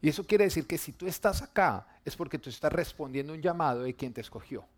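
A pastor preaches a sermon built from personal stories, talking conversationally and softening his voice for tender moments. His pitch is fairly high, his delivery animated, and his pace quick.

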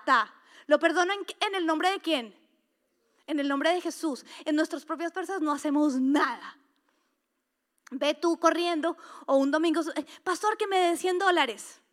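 A middle-aged woman pastor delivers an impassioned sermon in a high voice. She drops to near-hushed tones and then rises to loud, emphatic declarations. Her preaching is energetic and urgent. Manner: impassioned preaching with sudden swings from soft to loud. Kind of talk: sermon to a women's gathering.

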